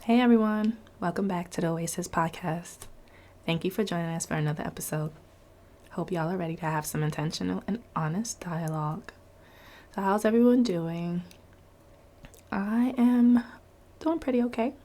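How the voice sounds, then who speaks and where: A woman hosting a podcast interview speaks in a warm, fairly low voice at a moderate pace, pausing often. She's under the weather but friendly and chatty, with lots of fillers.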